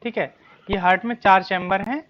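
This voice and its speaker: A biology teacher explaining exam answers with a mid-range voice, neither high nor low. The teacher keeps throwing out rhetorical questions and answering them, stressing key terms again and again. The sound is dull and slightly muffled. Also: steady tone. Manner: reads English questions slowly, explains in Hindi.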